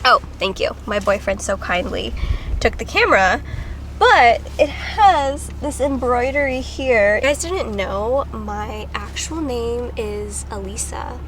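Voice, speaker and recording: Talking to the camera for her travel vlog, a woman from the Philippines speaks casually, sprinkling in many "likes" and "ums" and sounding slightly stuffed up from a cold. She's out driving and outdoors in summer, her fairly high, fairly bright voice animated yet a bit slow. The audio is poor, with a faint hiss or hum.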